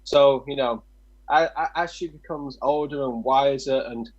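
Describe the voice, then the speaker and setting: A man's voice: mid-range voice, muffled recording. A man co-hosting a casual livestream, joking along and laughing easily. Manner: jokey, quick to laugh along. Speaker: co-host. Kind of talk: casual chat.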